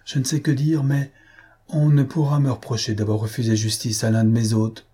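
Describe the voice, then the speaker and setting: A man's voice: medium pitch, monotone, moderate pace, mellow, slightly rough, close to an everyday voice. A man voicing a proud, stern older farm wife who speaks curtly, in a storybook reading. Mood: harsh. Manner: curt and commanding.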